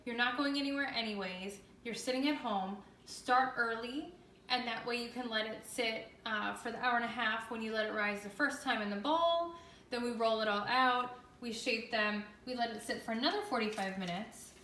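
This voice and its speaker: This casual step-by-step baking demonstration comes from a woman in her home kitchen, chatting informally as she guides the viewer. Her voice is on the high side, bright and forceful, at a moderate pace, and the indoor room echoes, with faint background noise.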